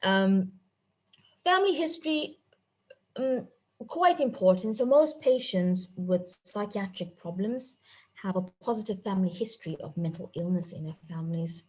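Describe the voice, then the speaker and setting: A woman teaching a medical history-taking session, speaking in a clear, instructive way and repeating her key points. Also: fairly low pitch, animated, moderate pace, darkish tone, poor audio. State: voice a bit off.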